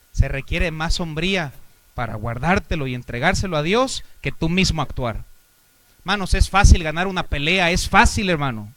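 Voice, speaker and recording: Fiery Mexican pastor preaching. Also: male voice, a little high, dry recording. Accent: Mexican Spanish. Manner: preaching with swings between loud exhortation and quiet asides; rhetorical questions to the congregation. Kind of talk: sermon.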